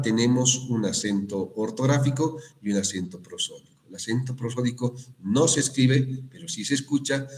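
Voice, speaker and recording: A male teacher giving an online class on spelling and accents, explaining slowly with frequent checking questions and restarts. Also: mid-range voice, a little mellow. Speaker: university language teacher.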